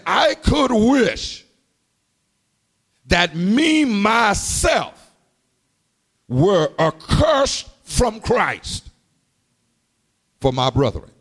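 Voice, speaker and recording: A man preaching a sermon in a rhythmic, call-and-response style, dropping to low murmurs and rising to sung shouts. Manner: repeats and calls to the congregation.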